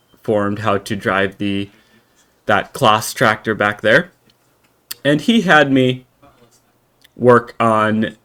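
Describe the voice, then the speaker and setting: An American man giving in-character roleplay commentary while playing a farming game, halting and rambling with many restarts. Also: fairly low pitch, a bit bright. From United States. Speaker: game roleplayer and channel host.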